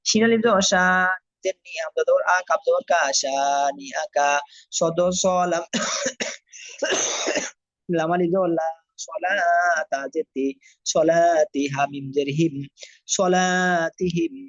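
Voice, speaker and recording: A man from Bangladesh, teaching Quran reading by spelling letters one at a time and blending them slowly, asking his learners questions. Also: a little high. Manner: addresses learners directly, asks and answers own questions. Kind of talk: slow spelled-out recitation lesson. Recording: dull lo-fi audio.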